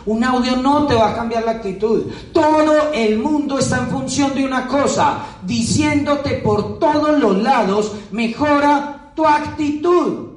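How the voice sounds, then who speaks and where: A man with a high voice delivers an emphatic motivational speech to an audience. He repeats his key lines and throws out rhetorical questions. His voice echoes around a large hall and is picked up from a distance. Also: a little slow, hardly any pauses. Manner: emphatic and repetitive, drives points home with rhetorical questions. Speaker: motivational speaker at a business event.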